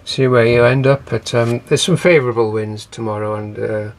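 A solo sailor's handheld video diary captures his mid-range voice, steady in tone and moderate in pace, as he rambles hesitantly with many ums and uhs. He is aboard his sailboat, at sea and in harbour, and the outdoor audio is noisy with wind and water sounds.

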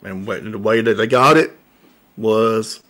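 This local sports talk show host has a fairly low, fairly bright voice with fairly even intonation and a slightly slow pace. He rambles casually about sports with many fillers and repeated words, using a large studio mic on a boom arm inside a small room made to look like a coffee shop.

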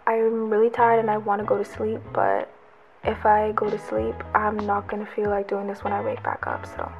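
A woman's voice: medium pitch, normal speed, gravelly, highs cut off, over music. A young woman, a college student, chatting animatedly to the camera in a casual vlog from home. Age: young adult.

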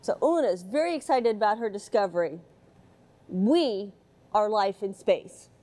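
At normal speed, a middle-aged U.S. astronaut with a mid-range, mellow voice and lively intonation reads a picture book to children. She's indoors in a space station module and chats between pages.

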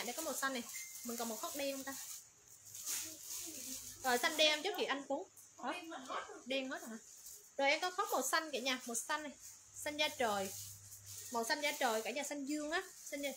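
A woman running a livestream clothing sale, rattling off colors, sizes and prices in quick, repetitive patter. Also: high voice. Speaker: online clothing seller. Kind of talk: livestream sales pitch. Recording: noisy background.

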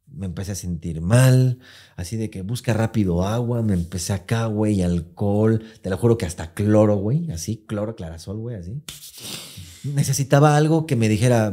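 Slangy Mexican man telling a story. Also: fairly low pitch. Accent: Mexican Spanish. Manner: swearing, slangy, animated retelling with acted quotes. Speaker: podcast co-host. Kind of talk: casual storytelling chat.

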